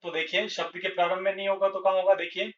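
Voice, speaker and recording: A man teaching a grammar lesson at a board, speaking slowly and deliberately and repeating each example word. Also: sits high, level tone. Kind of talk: blackboard Hindi grammar lesson. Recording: echoey room, distant lo-fi mic.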